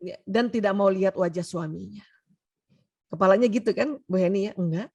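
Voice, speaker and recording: A woman doctor giving a humorous seminar lecture, lively and teasing, often acting out quoted voices. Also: mid-range voice, fairly quick, gravelly.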